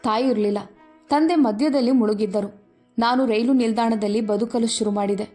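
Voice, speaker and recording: A woman voicing a solemn male judge who speaks in a grave, measured way. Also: fairly high pitch, mellow, faint music behind, close to an everyday voice. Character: grown man, a solemn judge.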